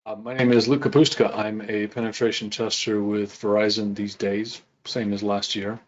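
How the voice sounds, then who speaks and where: A man answering as a panel guest, his voice low and very flat in tone. He talks in a measured, deliberate way, and the call audio comes through dull. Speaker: panel guest, pen tester. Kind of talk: panel discussion.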